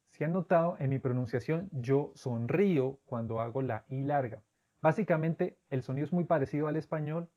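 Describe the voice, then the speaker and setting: A man whose first language is Spanish, patiently teaching English pronunciation step by step and repeating sample words slowly. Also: a little high, mellow, muffled recording. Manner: patient, methodical, drawn-out demonstration words. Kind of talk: instructional explanation.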